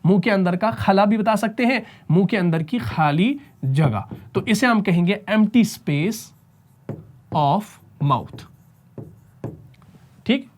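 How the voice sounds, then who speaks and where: A man teaching Quran recitation rules in a slow, deliberate way. He keeps checking that his students follow and demonstrates long, drawn-out recited vowels. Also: sits high, a little mellow, slight background noise. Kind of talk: tajweed lesson explanation.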